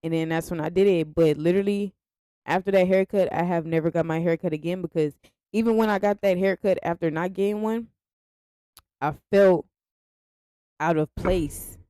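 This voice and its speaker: A woman's voice: lowish voice, normal speed, warm tone, clean tone, no room sound, clean studio sound. A young woman speaking candidly to her viewers in a confessional vlog, frank and direct. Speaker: vlogger. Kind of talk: candid personal vlog monologue.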